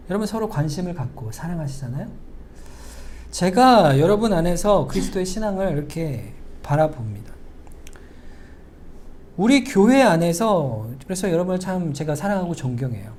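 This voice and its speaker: Korean male pastor preaching warmly. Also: fairly high pitch, a little hiss or hum. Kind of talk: sermon. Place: church sanctuary.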